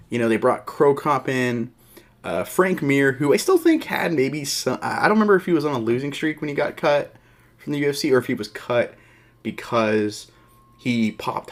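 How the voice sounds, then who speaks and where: Man with a mid-range voice, hosts an MMA channel, loose off-the-cuff delivery, self-mocking humor. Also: medium pitch. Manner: rambling, self-deprecating, joking asides. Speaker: MMA show host. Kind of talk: unscripted casual commentary.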